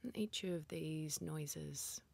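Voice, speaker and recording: In a low-pitched, breathy whisper, a woman talks listeners through a guided meditation, calmly and gently instructing and pausing often.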